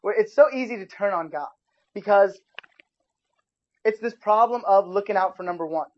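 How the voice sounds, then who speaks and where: A man giving an informal sermon as a youth pastor, chatting casually with his listeners and adding animated asides. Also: high-pitched, moderate pace. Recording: dull lo-fi recording.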